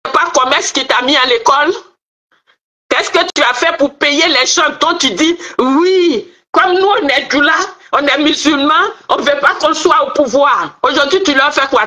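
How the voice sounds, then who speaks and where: Her voice sits high with a sharp edge, and she takes her time. A middle-aged online commentator from Ivory Coast, she rants angrily about politics to viewers in Ivorian-accented French, taunting and scolding through a cold-stuffed nose.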